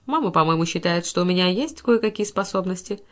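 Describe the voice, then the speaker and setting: A woman's voice: on the low side, animated, fast, lightly acted. A woman reading a plaintive young coquette.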